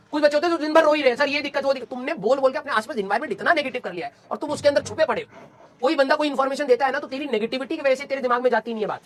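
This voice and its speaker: Fast-talking motivational male teacher. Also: very high voice, a bit bright. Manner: blunt, scolding yet encouraging, asks "clear?". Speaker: coaching teacher. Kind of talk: motivational class talk.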